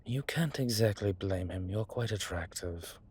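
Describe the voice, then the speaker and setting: A man plays a low-key investigator in a roleplay audio drama, speaking quietly and laconically with dry teasing. His husky delivery is animated yet unhurried.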